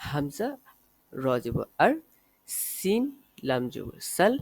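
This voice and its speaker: A man teaching Arabic letter reading, reciting each letter and vowel mark in a slow, deliberate drill. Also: on the high side, very animated, gravelly, dry recording. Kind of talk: spelled-out letter drill lesson.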